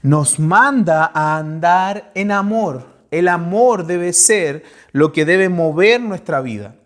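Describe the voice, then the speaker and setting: A pastor from Chile with a Chilean accent, preaching a sermon in an earnest way and putting direct questions to his listeners. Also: sits high.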